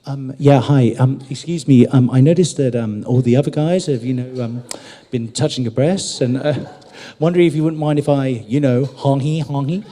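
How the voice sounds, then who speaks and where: Halting, awkward young man, put on by a male speaker. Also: medium pitch, warm tone, big-room sound, lightly acted. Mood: awkward, bashful. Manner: halting, hesitant mumbling. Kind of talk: acted impression within a podium speech.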